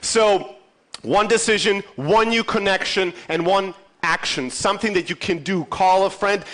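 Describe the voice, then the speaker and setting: Speaking at a measured pace in a high, fairly bright voice, a German keynote speaker in his thirties gives a casual motivational talk at a conference. He curses freely, makes fun of himself and keeps checking in with the audience.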